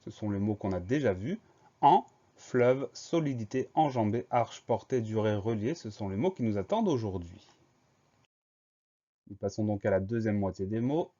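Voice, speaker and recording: A man teaching a spelling lesson to children, calmly spelling each word letter by letter. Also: on the low side. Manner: slow, spells words letter by letter. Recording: dull lo-fi voice-over.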